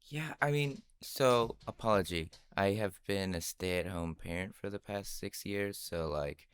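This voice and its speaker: A man from the Pacific Northwest with a gravelly voice, chatting casually as a comedian guest on a podcast, self-deprecating and swearing now and then. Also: deep voice, a little slow. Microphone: podcast mic.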